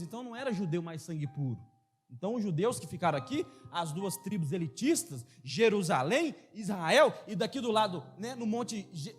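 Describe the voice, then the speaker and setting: A male pastor preaching an emphatic, animated sermon in a church, often calling out to his listeners as brothers. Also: high voice.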